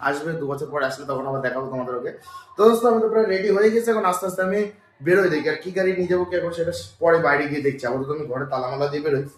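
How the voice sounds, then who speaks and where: Young male vlogger, hoarse from a cold, rattles along at breakneck speed in a slightly high voice, chatty to camera. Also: a little hiss or hum. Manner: chatty, keeps talking straight to viewers. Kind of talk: casual daily vlog. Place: at home, indoors.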